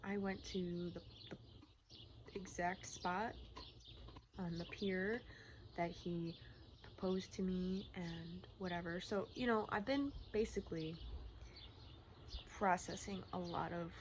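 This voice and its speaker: A woman talking candidly in a personal vlog, in a rambling, halting, casual way, often repeating herself. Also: fairly low pitch, fairly even intonation. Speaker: personal vlogger. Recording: clearly noisy outdoor-like ambience, birdsong. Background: birdsong and environmental noise.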